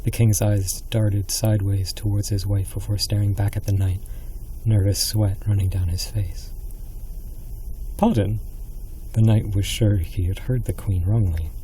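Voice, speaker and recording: A man's voice: on the low side, flat delivery, moderate pace, dark tone, a little hiss or hum. A man reading a scripted horror story as a dramatic narrator.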